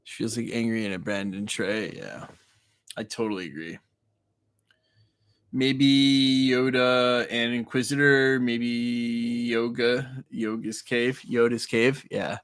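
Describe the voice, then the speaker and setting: A man's voice: medium pitch, slow pace, a bit bright, smooth, no room sound. A man hosting a late-night livestream, chatting casually with viewers in a loose, profane, slang-heavy way. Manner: loose and profane, joking rants to chat; slang-heavy, addresses viewers as "y'all" and "bro". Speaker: livestream host. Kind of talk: casual livestream chat, reading and answering viewer comments.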